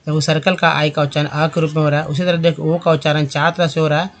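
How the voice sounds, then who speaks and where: A man teaching English reading, slowly saying each word aloud and repeating it, speaking in a slightly higher voice. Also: little pitch movement. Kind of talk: language lesson explaining pronunciation.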